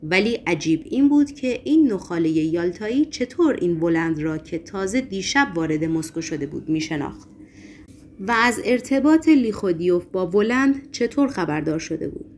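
A woman's voice: lowish voice, expressive, darkish tone, a little hiss or hum. A woman narrating a novel as an audiobook reader, lifting her voice for quoted lines.

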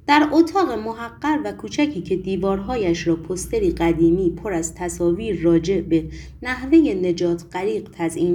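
Woman audiobook narrator, animated pitch, mellow timbre. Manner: expressive storytelling.

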